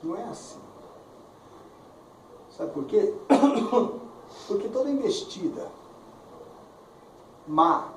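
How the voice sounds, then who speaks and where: A man preaching a conversational sermon, often tagging his sentences with "né?". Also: a little high. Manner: conversational preaching, frequent "né?" tags. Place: church hall. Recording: echoey church, far mic, clear background noise.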